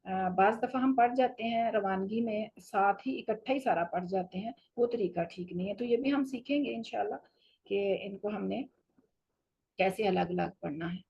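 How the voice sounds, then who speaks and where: Husky woman teaching Quran recitation. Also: medium pitch, a little mellow, lo-fi sound. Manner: patient, explanatory, slows for recited examples. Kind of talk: tajweed lesson.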